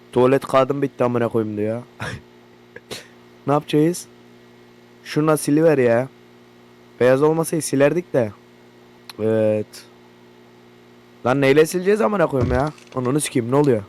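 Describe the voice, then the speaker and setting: Over a generator hum from the game, a young man from Turkey gives profane, jumpy horror-game commentary for his YouTube channel. He speaks in a mid-range voice, unhurried and pausing often, and his reactions come out loud.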